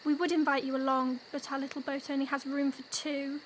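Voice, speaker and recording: A woman's voice: high-pitched, level tone, brisk, a little hiss or hum, lightly acted. Young woman playing a sneering snobbish twin girl. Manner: sneering, taunting. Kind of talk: youth theatre audio play.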